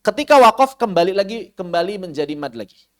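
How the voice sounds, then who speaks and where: A man with an Indonesian accent teaching Quran recitation rules in an online class. He chants the Arabic examples slowly and asks his students questions. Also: high voice, animated, fairly bright tone. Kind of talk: online tajwid lesson. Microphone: online class microphone.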